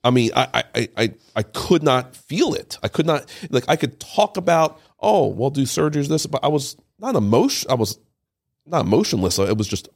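A man giving an emotional personal testimony in an interview, halting and often repeating his words. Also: medium pitch, very animated. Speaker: interview guest, father. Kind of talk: personal testimony, casual storytelling.

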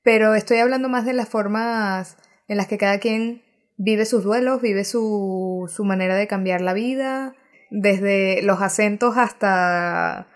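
Woman guest, middle pitch, measured and reflective, hesitates with fillers. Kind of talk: casual conversation.

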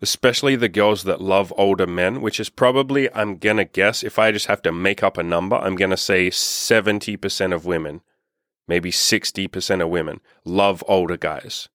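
A man in his mid-thirties speaks in a deep, low register. He is a dating coach in a casual podcast monologue, candid and upbeat with plenty of swearing. The sound is dry and close, with no room echo. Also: steady tone, moderate pace, a bit bright. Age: 30s. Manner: candid, upbeat and heavily profane. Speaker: dating and self-improvement coach.

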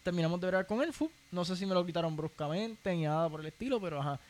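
Animated Puerto Rican man telling stories. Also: sits high, fast. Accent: Puerto Rican Spanish. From Puerto Rico. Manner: animated storytelling, slangy, keeps saying "papi". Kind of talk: casual podcast chat.

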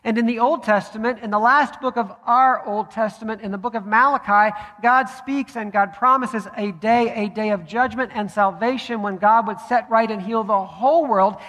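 A man preaching a sermon as pastor, measured, with deliberate pauses. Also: high voice, fairly bright tone. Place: church sanctuary. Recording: long hall reverb.

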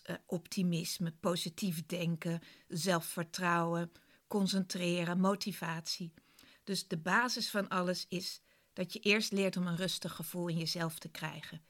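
A woman instructor casually explaining a relaxation exercise, speaking directly to the listener. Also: on the low side. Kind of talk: casual spoken introduction to an exercise.

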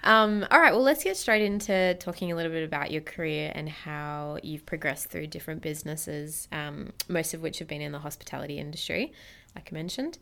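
A woman's voice: sits low, creaky, bright, forceful tone. A woman with an Australian accent hosting an interview, prompting her guest in an encouraging, upbeat way. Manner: encouraging, prompting, quick to laugh. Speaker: podcast host. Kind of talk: casual interview chat.

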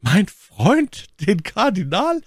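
A man voicing a scheming, cornered noblewoman in an audiobook reading, with shrill, indignant outbursts. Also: sing-song, unhurried, a little mellow, dry recording, studio quality. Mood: startled. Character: scheming, cornered noble woman, haughty and fierce.

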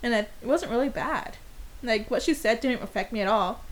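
Soft-spoken young woman, fairly high voice. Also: a little fast. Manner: laughs often, frank and confiding. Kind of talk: casual chat.

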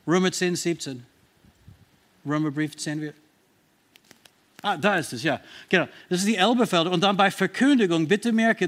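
High-voiced man preaching emphatically. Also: a bit bright. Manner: emphatic, slows down to stress Bible verses; repeats and restarts when searching for words. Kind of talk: sermon with Bible readings.

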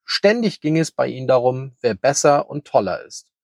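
A man reading a children's story aloud in a calm, measured way. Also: mid-range voice, vocal fry, dry recording, studio quality.

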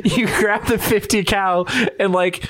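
A man's voice: high-pitched, fairly even intonation, measured pace, a bit bright, no room sound. A man working as game master, casually narrating a tabletop role-playing game and talking with the players.

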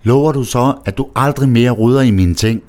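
A man's voice: medium pitch, a little mellow, pitched above the performer's own voice, natural voice. A man voicing a stern, teasing young woman. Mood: firm teasing.

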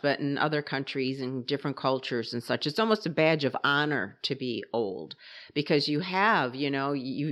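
A woman hosting a radio interview, chatty and quick to laugh. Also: low voice, a bit bright. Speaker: radio host.

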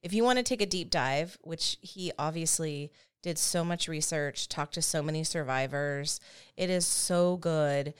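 A woman's voice: sits low, a little slow, clear, resonant tone. A woman in her thirties hosting a podcast, telling a history story in a chatty, self-deprecating way with frequent laughs. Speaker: podcast host. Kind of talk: casual storytelling chat.

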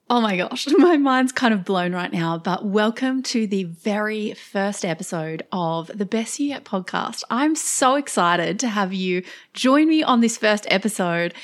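A woman hosting her own podcast, talking in a gushing, emotional and heartfelt way, often laughing. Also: medium pitch. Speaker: podcast host. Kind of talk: scripted intro, then heartfelt solo podcast talk.

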